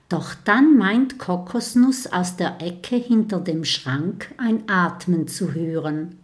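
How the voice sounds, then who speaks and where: A woman narrating a children's audiobook in a gentle, deliberate storytelling manner. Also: lowish voice.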